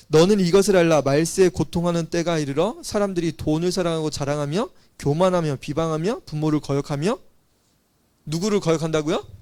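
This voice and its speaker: A male pastor giving a casual sermon, asking the congregation questions and teasingly calling on children by name. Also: high voice. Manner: asks the listeners questions and calls on children by name; chatty, teasing.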